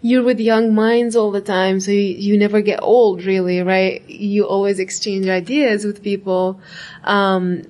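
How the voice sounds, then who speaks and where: In a relaxed interview, a graduate student from Iraq muses reflectively, sprinkling her speech with "like" and "right?". Her voice is medium in pitch and a little mellow.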